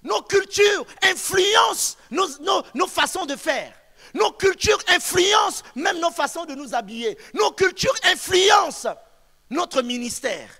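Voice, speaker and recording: A man from the Central African Republic, a pastor preaching a sermon in a church, speaking emphatically and rising to shouts. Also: very high-pitched, lively intonation, a little slow, gravelly. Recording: long reverb of a church hall.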